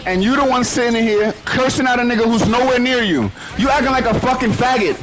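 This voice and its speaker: A man's voice: very high voice, fast talker, over music, rough recording. A man in a heated, profane argument in a voice chat, angry and repeating himself. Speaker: voice chat participant.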